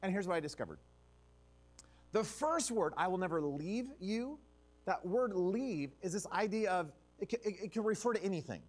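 A man preaching a revival sermon in a church, dropping to a hush and surging up again for emphasis. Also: high-pitched, normal speed. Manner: animated, drops to a hush and surges up for emphasis. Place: church sanctuary.

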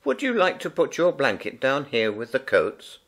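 A man voicing a kindly but strict mother hosting a children's party, in a raised, bright storybook voice. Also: medium pitch, huge pitch swings, normal speed, pitched above the performer's own voice. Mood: cheery. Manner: bright and cheery, sharpening to stern.

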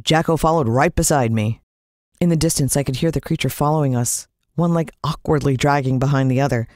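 A rumbling low, somewhat mellow female voice with an American accent narrates an audiobook at a brisk pace, building drama and suspense by drawing out her words. The clean studio recording has no echo.

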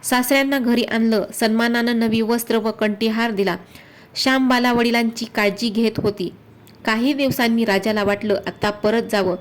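A woman reading a devotional folk tale aloud as storyteller, in a steady, recited rhythm. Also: fairly high pitch.

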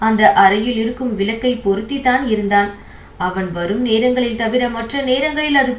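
A woman narrating an audio novel in a steady, even storytelling voice. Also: a little high. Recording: echoey room with faint hiss.

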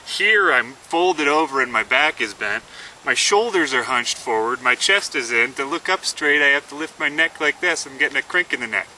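A man, the inventor, presenting and demonstrating his product in an earnest pitch, talking through each movement. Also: expressive, moderate pace, bright, forceful tone. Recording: slightly distant mic, faint outdoor noise.

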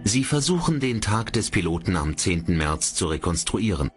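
A man with a fairly low voice narrates a documentary. His delivery is measured and dramatic. Music plays beneath the narration. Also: very animated.

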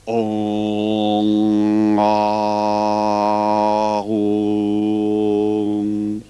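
A man's voice: very high voice, pushed and bright. A man giving a folksy, repetitive spoken lecture as a qigong teacher, now and then demonstrating chants aloud. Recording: reverberant hall.

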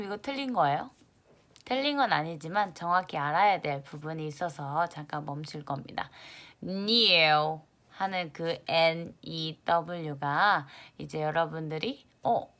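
A young woman with a low-sitting voice teaches English online with plenty of energy, hitting the English words loudly and mimicking her students' reactions.

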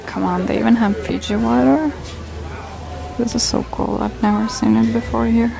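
Excitable young woman with a gravelly voice. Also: on the high side, normal speed, over music, rough recording. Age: young adult. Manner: excitable, gushing over finds. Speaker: vlogger. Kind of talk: casual vlog narration. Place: shops and streets of a city, indoors and out. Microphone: handheld camera mic.

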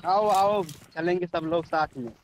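A man's voice: high-pitched, measured pace, dull audio, slight background noise. A man playing as a teammate in a shooter game, answering in brief, easygoing replies over voice chat. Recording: loud gunfire over the voice.

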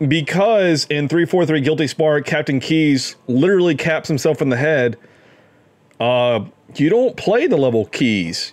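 A young man casually commenting on his gameplay, playful and given to mock-dramatic exclamations. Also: a little high. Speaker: let's play gamer.

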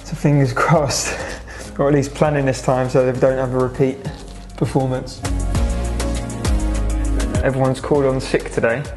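Over music, a flat-voiced young man from England gives a vlog update at medium pitch and normal speed from inside his restaurant as it's being renovated. The owner sounds casual and matter-of-fact, peppering his talk with "so" and "obviously."

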